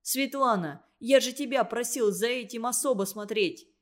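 A woman reader voices a stern young man in charge of children in a storybook. He speaks firmly and commandingly. The voice stays in her own slightly high register. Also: moderate pace, close to an everyday voice. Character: stern tall young male camp leader.

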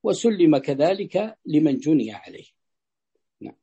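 A man teaching jurisprudence to students, explaining slowly, repeating phrases and checking whether they understand. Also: a little high, expressive, mellow, slightly rough, lo-fi sound. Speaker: sheikh teaching Islamic jurisprudence. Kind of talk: explaining a fiqh text to students.

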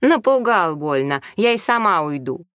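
A woman voicing a loud, indignant housekeeper who wails in complaint. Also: fairly low pitch, big pitch swings, moderate pace, no room sound, studio quality. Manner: wailing, indignant.

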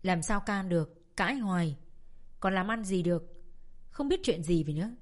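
A woman's voice: on the low side, expressive, normal speed, lightly acted. A woman voicing a kindly house cook who coaxes and soothes a young girl in a dramatic audiobook reading. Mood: weary. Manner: soothing, coaxing.

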